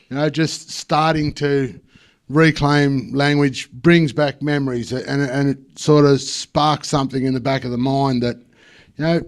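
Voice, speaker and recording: Man, conference panelist, soft earnest talk, pauses, mid pitch. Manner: earnest, personal, softly spoken with pauses.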